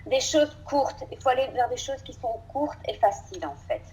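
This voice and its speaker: A woman French teacher talking in a casual interview, lively, laughing often and repeating words for emphasis. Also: sits high, normal speed, a little hiss or hum, rough recording.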